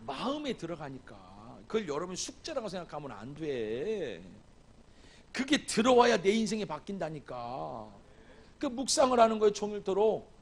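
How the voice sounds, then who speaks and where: A man's voice: high voice, sing-song, moderate pace. A man preaching a revival sermon as guest pastor, asking the congregation questions and acting out dialogue from a family story. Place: church sanctuary.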